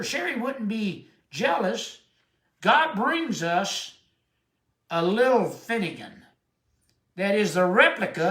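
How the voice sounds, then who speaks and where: A man, preaching a sermon with emphatic, emotional delivery and drawn-out quotes. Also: high-pitched, a bit bright. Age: 70s. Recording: echoey room.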